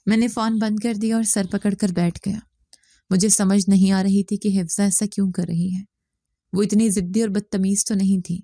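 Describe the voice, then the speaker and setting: A woman reading a scripted story narration in a steady, even manner. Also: medium pitch, no echo, studio quality.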